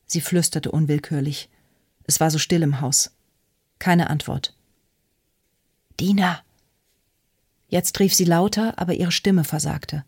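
A woman narrating an audiobook in a tense, steady storytelling manner. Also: on the low side, no room sound, studio quality. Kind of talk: scripted narration.

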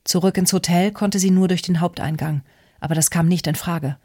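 An audiobook narrator reading a novel in an even, measured way. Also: medium pitch, no echo, studio quality. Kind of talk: scripted narration.

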